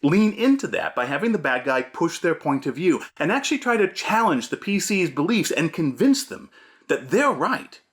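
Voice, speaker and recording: Like a game master coaching other game masters, a male host delivers a scripted video essay on running tabletop games at normal speed. He sounds punchy and a bit theatrical, his very lively pitch ranging widely to stress points.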